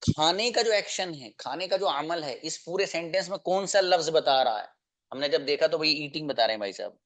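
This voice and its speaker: A man's voice: fairly high pitch, expressive, brisk, fairly bright tone. A man, teaching an online class. He explains patiently and repeats himself, asking his students question after question. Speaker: English teacher.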